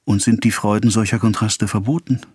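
A man's voice: fairly low pitch, fairly even intonation, fairly quick, darkish tone, slightly rough, dry recording, clean studio sound. A man voicing a wistful young woman in an audiobook reading, in a plain questioning tone.

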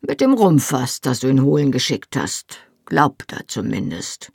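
Audiobook casting: a reader doing a dry-witted old clansman, gravelly, matter-of-fact. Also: mid-range voice, big pitch swings, unhurried, darkish tone, no room sound, heavily acted. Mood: wry. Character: dry, wry loyal Highland clansman, older man. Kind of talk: audiobook character voice.

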